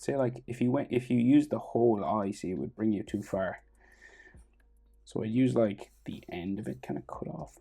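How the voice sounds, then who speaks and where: Casual drawing tutor: husky, low-key mellow tone, halting think-aloud delivery. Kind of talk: casual step-by-step drawing instruction. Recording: background noise and music.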